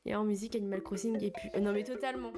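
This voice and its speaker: A woman's voice: mid-range voice, fairly even intonation, rapid-fire. A young woman streamer chatting casually and slangily with her viewers while she plays, answering their messages as they come in. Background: faint game music.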